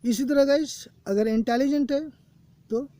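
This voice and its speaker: A man teaching an English grammar lesson, explaining slowly and repeating points, often calling his students "guys". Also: very high-pitched, dark tone, dry recording. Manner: slow, repetitive explanations, keeps saying "guys". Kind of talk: recorded classroom lesson. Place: coaching classroom.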